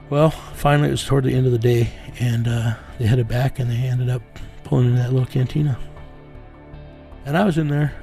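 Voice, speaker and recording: A man's voice: medium pitch, gravelly, dark tone. A middle-aged man from the United States, an interview guest telling a matter-of-fact first-person story about his vigilante work. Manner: plain, matter-of-fact telling with reenacted dialogue.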